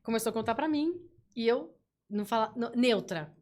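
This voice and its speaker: A woman, a guest telling stories in a playful, animated way. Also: fairly high pitch, fairly quick. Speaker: podcast guest. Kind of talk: casual interview chat.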